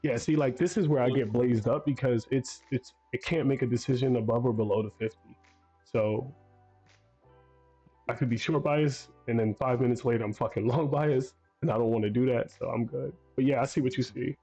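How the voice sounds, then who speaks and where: A man's voice: mid-range voice, normal speed, mellow, husky, faint music behind. Laid-back man losing his voice. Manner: laid-back, swears casually. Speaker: trading stream host. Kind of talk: casual trading chat.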